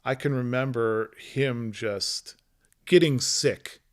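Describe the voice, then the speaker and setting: A man's voice: medium pitch, takes it slowly. Easygoing middle-aged man telling work stories. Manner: easygoing storyteller, many fillers and restarts. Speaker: guest, electrical business owner. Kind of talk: casual interview chat.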